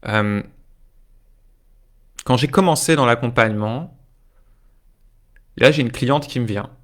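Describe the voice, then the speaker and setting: A man's voice: mid-range voice, fairly bright tone. Man coaching live, hesitant and emphatic. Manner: spontaneous, with frequent hesitations and asides to viewers. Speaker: life coach. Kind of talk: live-streamed motivational talk.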